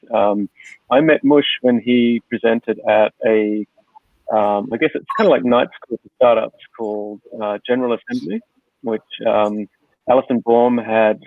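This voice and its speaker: Gravelly-voiced man hosting over a tinny line. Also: fairly low pitch, no echo. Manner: relaxed, rambling with many fillers. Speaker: podcast host. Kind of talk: casual conversational interview. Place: home in Hong Kong. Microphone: video call. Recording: dry, tinny phone-like line.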